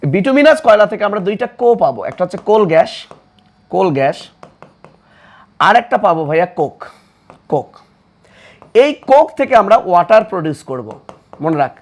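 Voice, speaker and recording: A man from Bangladesh teaching a chemistry class, repeating key facts again and again in an energetic lecture style. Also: sits high. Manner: energetic, repetitive drilling of facts.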